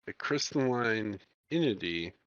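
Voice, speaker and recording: A man narrating a tabletop game at a slow, unhurried pace, with a bright, sharp tone. His voice is dry and close, and the recording sounds dull and lo-fi. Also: lowish voice, animated, no echo. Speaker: game master.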